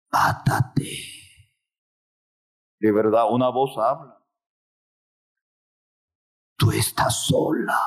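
Slow, animated male preacher. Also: medium pitch. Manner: dramatic, acts out quoted voices. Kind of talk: sermon.

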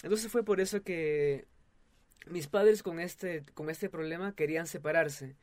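A man's voice: a little high, measured pace, a little mellow, no echo. A young man, telling a personal story in an interview, hesitant, with many fillers and restarts. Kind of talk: testimony in a casual interview.

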